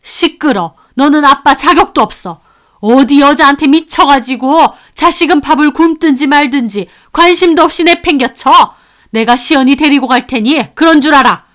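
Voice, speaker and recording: A woman voicing an older grandmother in a storybook, shouting furiously at her son in a high strained voice. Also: normal speed, few pauses, close to an everyday voice. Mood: stern.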